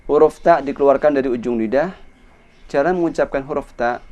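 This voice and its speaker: A male Quran recitation teacher with an Indonesian accent, explaining how each letter is pronounced in a slow, deliberate lesson and repeating the sounds for practice. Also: mid-range voice, darkish tone, highs cut off. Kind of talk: instructional lesson on letter pronunciation.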